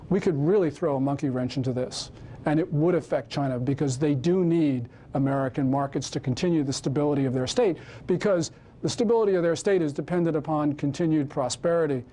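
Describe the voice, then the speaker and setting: A man's voice: on the high side, dark tone. A man giving a public lecture on foreign policy and answering audience questions, speaking with growing passion and emphasis. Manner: impassioned, emphatic.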